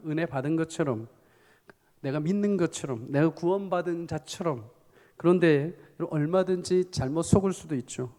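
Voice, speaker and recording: A middle-aged male pastor preaching a sermon at a prayer meeting, swelling to loud, high exhortations and then dropping to a soft, quiet tone. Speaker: senior pastor. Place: church sanctuary. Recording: long reverb of a church hall.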